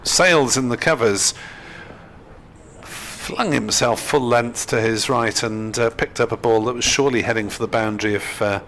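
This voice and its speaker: A man giving live cricket commentary in a measured, hesitant, dryly humorous manner. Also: mid-range voice, fairly bright tone, a little hiss or hum.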